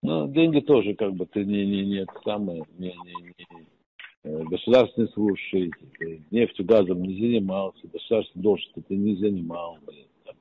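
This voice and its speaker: A man's voice: sits low, moderate pace, a little hiss or hum. A man on a recorded private phone call, giving blunt advice with casual swearing. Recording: muffled leaked phone recording.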